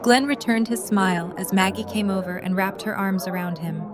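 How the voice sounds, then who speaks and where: A woman narrates a scripted audio-drama story in a mid-range voice at normal speed, with music playing underneath. Behind her, music and party chatter fill the room.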